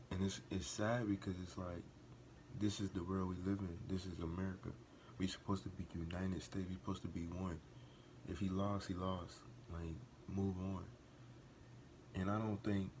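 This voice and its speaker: Amid slight background noise, a man with a low, darkish voice hosts a casual reaction video. He speaks earnestly and with passion, repeating and restarting phrases as he builds into emphatic outbursts.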